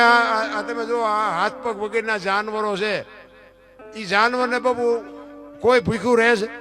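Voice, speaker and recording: High-voiced folk storyteller over strumming music. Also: male voice. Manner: folksy, rhetorical questions, keeps addressing listeners. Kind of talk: folk moral discourse to an audience. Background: instrumental string music.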